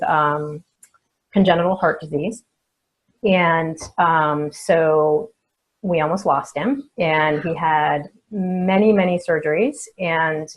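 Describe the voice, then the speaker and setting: Answering interview questions in a slow, thoughtful manner full of soft fillers, this woman is a feng shui expert and coach. Her voice is on the low side, and the recording sounds muffled.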